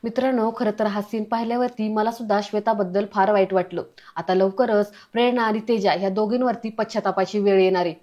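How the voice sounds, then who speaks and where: In a dull lo-fi recording, a woman narrates a recap of a TV serial episode, reading the characters' lines in her own voice with little change. Her mid-range voice is dark, steady, and brisk.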